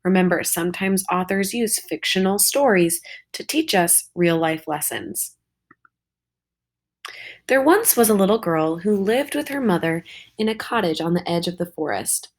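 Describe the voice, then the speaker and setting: A woman teacher reading a storybook aloud to her students, slow and expressive. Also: lowish voice.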